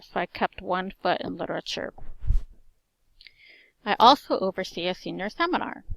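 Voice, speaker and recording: Low and full of vocal fry, this strong, carrying voice belongs to a teacher in her forties introducing herself with a slight slur on her S sounds. She lists things in short, even phrases in a personal monologue. It's a dry, low-quality recording.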